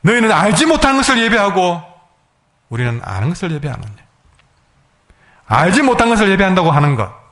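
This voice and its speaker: A man preaches a sermon in a high voice that swoops up and down. He is emphatic and acts out the voices of his congregation. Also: big pitch swings, brisk, pauses often, fairly bright tone. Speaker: pastor.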